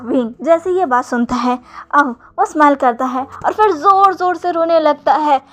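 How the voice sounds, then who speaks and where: A woman's voice: sits high, moderate pace, a bit bright. A woman casually retelling a fan fiction story, chatty and acting out the dialogue.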